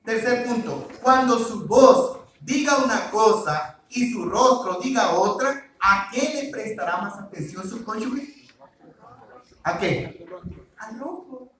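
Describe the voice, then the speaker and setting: A man's voice: high-pitched, animated, slow, fairly bright tone. Man preaching in an echoey hall. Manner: quizzes the congregation, call-and-response. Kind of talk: church sermon on marriage. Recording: very echoey hall, mic far off.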